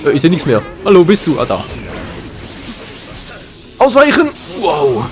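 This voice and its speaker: Man, German accent, gameplay commentary, excitable, lively swooping voice, faint game music behind. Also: fairly high pitch, quick pace. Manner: excitable, swears and groans at misses. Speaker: gaming commentator.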